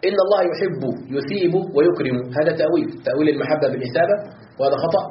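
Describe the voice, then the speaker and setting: A man's voice: on the high side, very fast. A man, a sheikh, teaching a lesson on scripture commentary, reciting verses and asking his students questions he then answers himself. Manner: recites verses, repeats words to drill them. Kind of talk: classroom lesson explaining a text. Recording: dull, echoey room with faint hiss.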